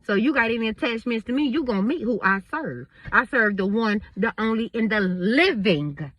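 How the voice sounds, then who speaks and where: A woman with a somewhat high voice delivers a casual vlog monologue, talking straight to her viewers. She is emphatic and a little preachy, pressing her points home. The sound is dry and close, with almost no room echo. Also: fairly quick, fairly bright tone. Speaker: vlogger.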